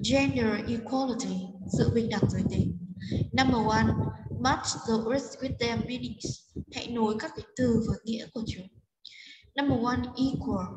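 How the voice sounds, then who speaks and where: A woman teacher with a Vietnamese accent walks through textbook words, reading each English word and then explaining it in Vietnamese. Her voice sits a little high. The recording is roomy, with a long echo and clear hiss behind it. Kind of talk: bilingual textbook lesson. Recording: echoey room with noise.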